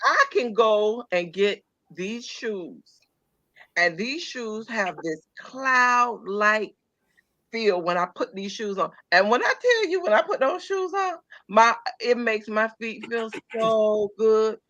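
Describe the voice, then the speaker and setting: Woman, bright tone, very lively pitch, dry dull lo-fi recording. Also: slow pace, no echo. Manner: exuberant storyteller, laughs, big pitch leaps. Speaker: panelist. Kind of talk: church panel discussion.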